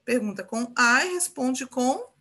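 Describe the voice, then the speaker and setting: A woman's voice: sits high, lively intonation, slow pace, sharp tone, husky. A Brazilian woman teaching an English grammar lesson, patiently repeating example phrases and checking in with her students.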